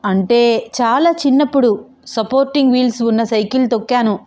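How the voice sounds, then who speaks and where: A timid, sulky young heroine , voiced by a woman narrator, complains and pouts in a high, soft voice. Her tone stays mellow but whiny, as in an audio novel. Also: fairly quick, natural voice. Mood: defensive. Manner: whiny, pouting. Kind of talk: audio novel character reading.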